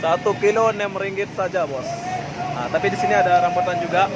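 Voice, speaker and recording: A man's voice: sits high, steady tone, fairly quick. A man talking in a casual, chatty way as he hosts a walking market vlog, often addressing people like mates. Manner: chatty and informal, often addressing listeners and vendors as boss or brother. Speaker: vlogger, host. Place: busy outdoor night market. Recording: very noisy outdoor street ambience. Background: loud vehicle and street noise.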